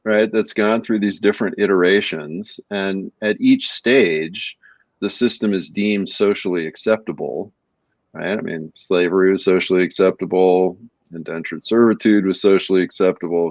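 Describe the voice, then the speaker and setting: A man's voice: low voice, fairly even intonation, normal speed, creaky, no room sound, highs cut off. A man co-hosting a podcast in casual discussion, talking things through and often checking in with "right?". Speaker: podcast co-host.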